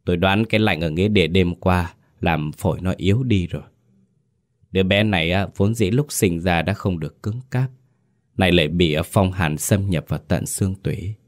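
A man's voice: low voice, moderate pace, natural voice. A man voicing an older male village healer, grave and sorrowful, in a spoken ghost story.

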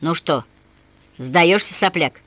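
A woman's voice: deep voice, takes it slowly, a bit bright, dry recording, heavily acted. A woman voicing a joking, stubborn bearded old peasant man in an audiobook, teasing and boastful.

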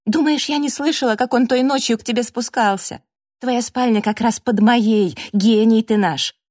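A woman voicing a furious, sharp-tongued young woman in an audiobook, scathing and loud. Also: fairly high pitch, normal speed, no room sound, studio quality, voice pushed up, natural voice. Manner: shouting, scathing.

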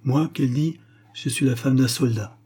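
A man's voice: mid-range voice, moderate pace, mellow, breathy edge, pitched above the performer's own voice. A man doing a weary poor young mother. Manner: tired, pleading.

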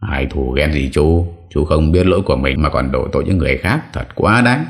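A man with a very low voice voicing a stern elder brother who scolds his younger sibling in an audio story. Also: lively intonation, brisk. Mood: accusing. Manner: accusing.

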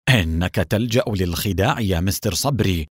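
A man's voice: sits low, fairly quick, dry recording, clean studio sound. A man playing a sly, cunning villain. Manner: sly, smooth-talking.

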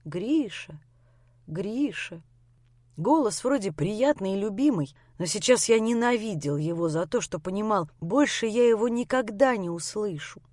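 A woman reading a novel aloud in the first person, with steady, intimate storytelling. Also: mid-range voice, moderate pace, few pauses, dry recording, clean studio sound. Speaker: narrator. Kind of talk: audiobook narration.

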